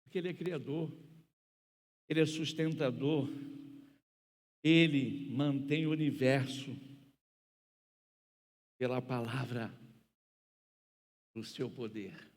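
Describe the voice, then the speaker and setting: A man preaching a sermon as pastor, with slow, emphatic pauses that build to loud, ringing passages. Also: medium pitch. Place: church sanctuary. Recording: church hall reverb.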